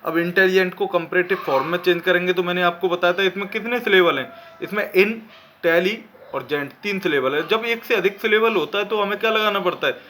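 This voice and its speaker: Male tutor, bright and slightly tense tone, patient step-by-step explainer. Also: high voice, slight background noise. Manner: explains slowly, asks and answers his own questions. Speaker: English teacher. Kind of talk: classroom grammar lesson.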